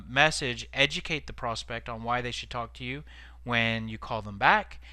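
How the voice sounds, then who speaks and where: Male trainer, bright dry voice, informal step-by-step instructional presentation. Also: mid-range voice, no room sound. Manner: explanatory, step by step. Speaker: sales trainer.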